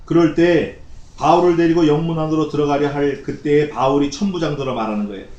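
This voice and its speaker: A man's voice: a little high, fast talker, roomy sound, lo-fi sound. A male pastor preaching an expository sermon in a church, often asking the congregation questions and answering them himself. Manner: acts out the figures in quoted shouts.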